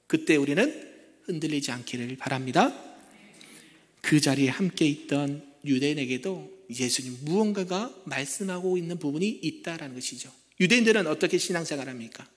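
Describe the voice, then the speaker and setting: A man, a senior pastor, preaching a sermon in a church and asking the congregation rhetorical questions, moving between loud pleas and hushed asides. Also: on the high side. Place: church sanctuary. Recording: long echo of a church hall.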